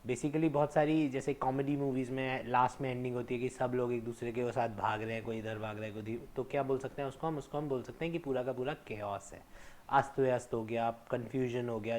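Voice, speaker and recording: A young man teaching English pronunciation, stressing each word slowly and setting wrong forms against right ones. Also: medium pitch, steady tone, a little mellow. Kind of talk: explanatory lesson mixing Hindi and English.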